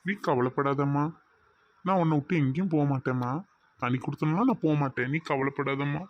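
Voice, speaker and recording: A man's voice: on the high side, brisk, dull audio, a little hiss or hum, lightly acted. A man voicing a soothing devoted son. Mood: consoling. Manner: pleading, consoling. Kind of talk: cartoon voice acting.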